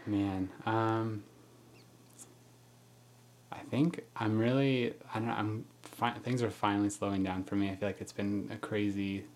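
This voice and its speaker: A man from Colorado talking as a podcast guest in his home studio, relaxed and laid-back, saying like and kinda a lot. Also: lowish voice, measured pace, slight background noise. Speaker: podcast guest, music producer. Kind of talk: casual interview chat.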